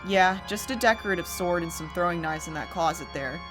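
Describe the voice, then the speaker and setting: A woman's voice: fairly low pitch, fairly quick, close to an everyday voice. A woman voicing a nervous, evasive roommate in a horror story, casual and placating, with music behind. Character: nervous, evasive young roommate hiding a secret. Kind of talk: horror story character dialogue.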